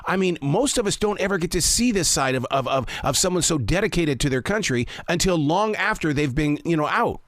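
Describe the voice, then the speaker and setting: Male interview host, fairly high voice, effusive, admiring, conversational, very dry close sound. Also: expressive, a little fast, few pauses, fairly bright tone, dry recording.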